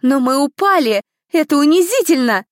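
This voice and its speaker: A woman's voice: high-pitched, expressive, moderate pace, no echo, studio quality, pitched above the performer's own voice. A woman voicing a spoiled young noble girl who whines indignantly. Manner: whiny, indignant.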